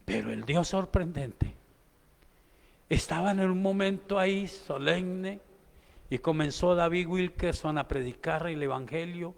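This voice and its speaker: A man, a pastor preaching a sermon in a church, moving from hushed storytelling to shouted proclamations. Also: fairly high pitch, measured pace, vocal fry, long reverb tail. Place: church sanctuary.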